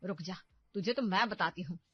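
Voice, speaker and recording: A woman voicing a domineering, scheming middle-aged mother in a cartoon story, loud and scolding. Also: medium pitch, moderate pace, no echo, muffled recording, lightly acted.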